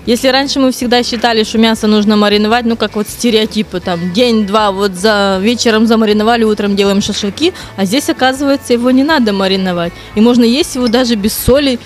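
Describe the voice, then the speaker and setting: A woman's voice: on the high side, fast, faint music behind. A woman giving enthusiastic, chatty feedback after a cooking class. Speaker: master class participant. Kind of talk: casual spoken feedback.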